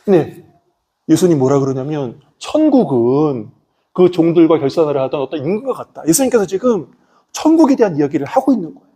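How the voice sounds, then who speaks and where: High, animated male preacher. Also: fairly quick. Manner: animated, keeps asking the congregation questions. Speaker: pastor. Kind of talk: sermon.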